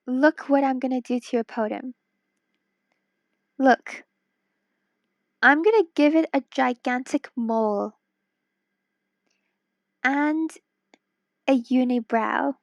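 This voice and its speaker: A Hong Kong woman chats casually while drawing on a late-night stream, sounding tired and worn yet playful and teasing, sometimes slipping into a whisper. Her voice is high-pitched and a little mellow, captured with clean studio sound and no echo.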